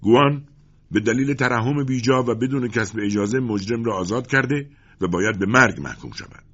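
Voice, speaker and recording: A man's voice: medium pitch, a bit bright, lo-fi sound, pitched above the performer's own voice, natural voice. A man voicing a severe army officer who speaks formally and accusingly in a storybook reading.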